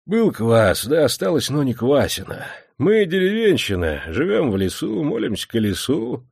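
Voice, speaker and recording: A man's voice: mid-range voice, big pitch swings, moderate pace, vocal fry, a little mellow, slightly rough, dry recording, clean studio sound, pitched above the performer's own voice, heavily acted. A man voicing a sly male steward who gives modest, evasive answers.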